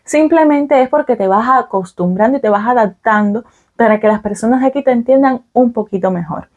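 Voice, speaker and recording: Her voice sits a little high and comes out brisk and darkish, with the highs cut off in the recording. She's a young Cuban woman with a Cuban Spanish accent, casually explaining to the camera in a vlog, using fillers and asking "ok?"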